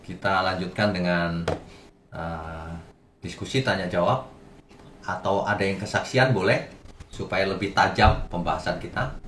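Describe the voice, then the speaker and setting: A man's voice: sits low, unhurried, long pauses, a bit bright, roomy sound, slight background noise. A man leading a church gathering as pastor, closing his sermon with repeated exhortations and opening a testimony discussion. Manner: exhorting, repeats points for emphasis. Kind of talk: sermon wrap-up and group discussion.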